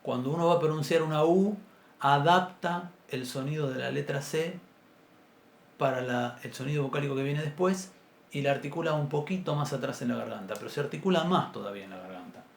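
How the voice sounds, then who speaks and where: Gravelly-voiced man teaching a class. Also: fairly high pitch, a little fast. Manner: patient, explanatory, clears his throat often. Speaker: Biblical Hebrew teacher. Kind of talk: introductory language class. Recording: roomy echo, faint background noise.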